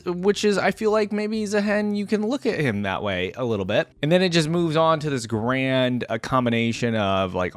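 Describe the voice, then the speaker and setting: Hosting a reaction video, a man offers casual, unscripted, rambling commentary to camera or screen in a conversational way. His voice is on the high side, with no room sound.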